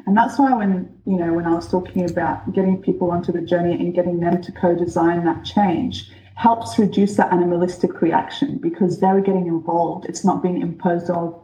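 A woman born in Egypt and raised in New Zealand and Australia, speaking as an interview guest and explaining her ideas in a measured way. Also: on the low side, warm tone, a little hiss or hum. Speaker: guest, change expert. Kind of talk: casual interview. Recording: roomy echo.

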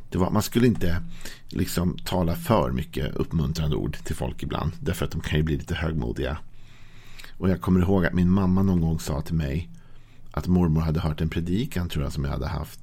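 A male pastor giving a gentle, conversational devotional sermon that speaks directly to the listener. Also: a bass voice, breathy edge.

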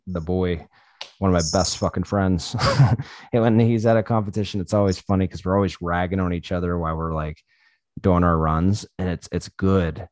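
A man with a low, grounded, slightly mellow voice chats casually and profanely, often laughing as he tells stories. The sound is close and dry, with no room sound at all.

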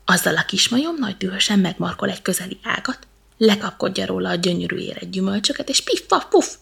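A woman reading a children's bedtime story with lively, playful narration. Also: mid-range voice, creaky, breathy edge.

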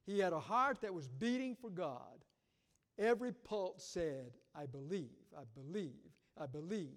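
A man's voice: fairly high pitch, a little mellow. A man preaching a sermon, reading scripture aloud and rising in volume on the verses. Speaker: pastor. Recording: long hall reverb.

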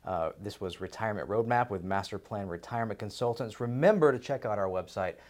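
A man's voice: fairly low pitch, fairly quick, darkish tone. A man hosting a radio show, asking questions and summing up in a conversational style.

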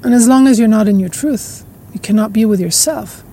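A husky, higher-pitched woman's voice carries this podcast's lengthy spiritual monologue. The host muses slowly and reflectively, breaking into soft laughs and letting repetitions trail off.

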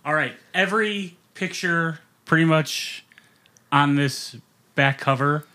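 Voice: medium pitch, slow, pushed and bright. A co-host on a casual film podcast who tells long anecdotes and asks the others questions.

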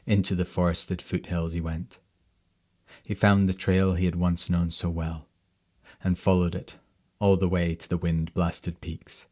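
A man telling a folk tale in a slow, measured way. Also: low-pitched, little pitch movement, a little mellow. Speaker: storyteller. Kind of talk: storytelling narration.

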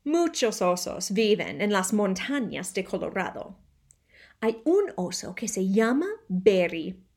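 Very slow, expressive woman storyteller. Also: fairly high pitch. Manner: slow, carefully spelled-out, expressive reading. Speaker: storyteller for language learners. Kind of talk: slow storybook reading for learners.

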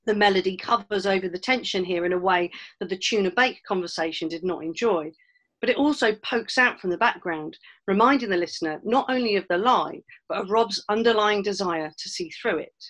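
Female presenter, measured academic reading of a scripted analysis. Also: medium pitch, fairly bright tone.

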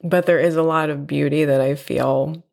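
A woman hosting her own podcast from home, talking in a reflective, unhurried way with a nasal voice from a cold. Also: low voice, fairly even intonation, vocal fry. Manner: reflective, unhurried, with fillers and soft laughs. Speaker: podcast host and teacher. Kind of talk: personal podcast monologue. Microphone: home podcast mic.

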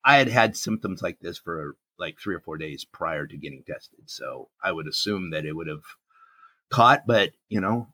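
A man with a gravelly, raspy voice from a strained throat, co-hosting a casual podcast in short, halting phrases. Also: sits low, expressive, bright, forceful tone, no echo. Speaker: podcast co-host.

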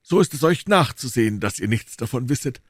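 A man's voice: medium pitch, expressive, brisk, breathy edge, no echo, clean studio sound, pitched above the performer's own voice. A man reading aloud, voicing a gracious, noble male musketeer with a dignified manner.

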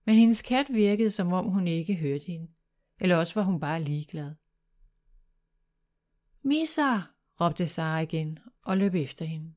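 A woman reading a children's bedtime story aloud in a calm, even storytelling manner. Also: fairly low pitch.

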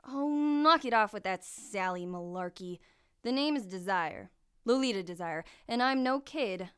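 A woman's voice: mid-range voice, lively intonation, measured pace, smooth, natural voice. An actress playing a grown woman crook who poses as a little girl, with a hard-boiled, sneering manner.

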